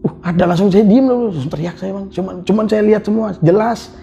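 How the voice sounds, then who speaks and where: A man who works as an online motorbike taxi driver, telling his experience in a casual, animated way, repeating himself and acting out sounds. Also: sits high, a little fast, creaky. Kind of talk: casual spoken storytelling. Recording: dull lo-fi sound with faint music.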